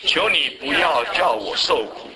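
A man with a slightly raised voice runs a Bible study at a brisk clip, throwing quick questions to the group and reading scripture aloud. Other voices in the room read along with him. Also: a little high, expressive, over a noisy crowd, low-quality recording.

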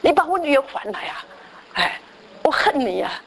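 A woman's voice: high-pitched, sing-song, moderate pace, creaky, full character voice, rough recording. A woman preacher acting out a bereaved mother who wails and accuses Jesus of letting her daughter die. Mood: anguished. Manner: wailing, accusing. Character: grieving mother railing at Jesus, bitter.

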